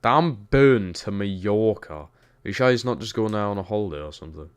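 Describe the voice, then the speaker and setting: A man's voice: lowish voice, animated, fairly quick, clean tone. A young man with a Geordie accent, chatting casually over a football game while streaming and reading chat. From Newcastle, England. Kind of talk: casual gaming stream commentary.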